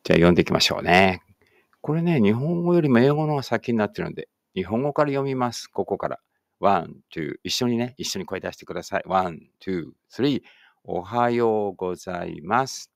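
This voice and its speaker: A man teaching English, leading a read-aloud drill in which he says each phrase and then its English version slowly. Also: fairly low pitch, very animated, gravelly, no echo, clean studio sound. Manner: reads Japanese then English slowly and carefully.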